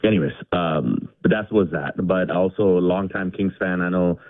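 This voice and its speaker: A man's voice: low-pitched, fairly even intonation, moderate pace, no echo. A middle-aged man from India calling in to a radio show, chatting casually and rambling with lots of fillers and restarts. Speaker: caller. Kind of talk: casual call-in chat. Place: home garage. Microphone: phone. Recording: tinny phone line.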